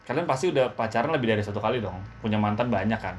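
A man's voice: on the low side, very fast, crowd noise. A man explaining things to friends in a casual chat and steering the conversation.

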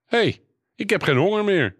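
A man's voice: mid-range voice, lively intonation, quick pace, a little mellow, slightly rough, dry recording, pitched above the performer's own voice. A man voicing a small hungry boy in a storybook reading, plaintive and wide-eyed.

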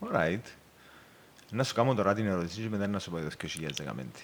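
A man with a Cypriot Greek accent hosting a casual podcast, relaxed and joking, who acts out the things people said. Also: low-pitched, a little hiss or hum. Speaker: podcast host.

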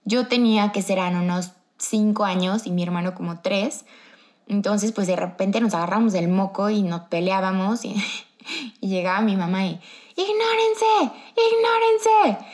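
A woman's voice: medium pitch, steady tone, normal speed, a little mellow. A woman with a Mexican accent hosting a motivational podcast, chatty and upbeat, talking straight to the listener. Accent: Mexican Spanish. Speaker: podcast host.

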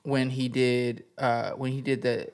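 A man in his thirties with a gravelly edge and a mid-range voice, speaking as a guest in a casual interview. He reflects loosely on his music background, pausing and restarting as he thinks. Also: medium pitch. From United States. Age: 30s. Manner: relaxed, reflective, with many fillers and restarts. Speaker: guest, rapper and poet.

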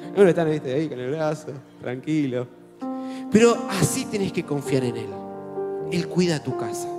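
Male pastor, Rioplatense accent, animated joking sermon; reverberant hall with faint music. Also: high voice. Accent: Rioplatense Spanish. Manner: animated, conversational preaching with jokes.

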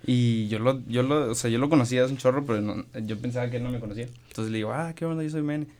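A man's voice: mid-range voice, fairly even intonation, racing, darkish tone. A young man, chatting as a guest on a radio show, rambling with many fillers and restarts. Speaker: musician guest. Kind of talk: casual interview chat.

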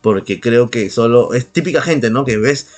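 A man from Peru with a Peruvian Spanish accent co-hosts a podcast, chatting casually, opinionated, slangy, and heavily profane. His voice is mid-range at a moderate pace, with music playing in the background.

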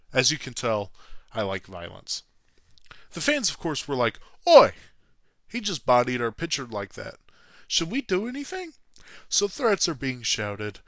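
A man's voice: lowish voice, bright, forceful tone, smooth, dry recording. A man narrating a sports history story from a script, sarcastic and self-mocking, with frequent swearing. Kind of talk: read-from-script narration with jokey asides.

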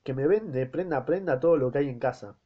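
An Argentine man voicing a fierce, sharp-tongued wife, scolding and accusing, in a slightly muffled recording. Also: medium pitch, brisk, natural voice.

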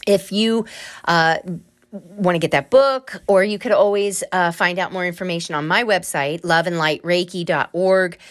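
A woman with a fairly low voice hosts a solo podcast about spiritual healing. She talks in a loose, chatty way, earnest and encouraging. She pokes fun at herself now and then. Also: normal speed. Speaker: podcast host and Reiki healer. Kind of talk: casual solo podcast monologue.

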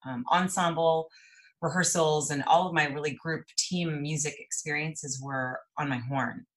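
A woman from El Paso, Texas, talking as an interview guest in a relaxed, thoughtful storytelling manner. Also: deep voice, measured pace, poor audio. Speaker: guest, jazz singer and voice teacher. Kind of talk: interview conversation.

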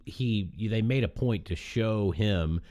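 A man's voice: fairly low pitch, slow, warm tone, no echo. A man co-hosting a podcast, chatting casually and telling things with emphasis. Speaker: podcast co-host. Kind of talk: casual chat.

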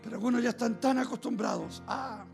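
A man's voice: very high-pitched, brisk, vocal fry, soft background music. A man preaching a fervent sermon as a pastor, calling out to his congregation during a church service.

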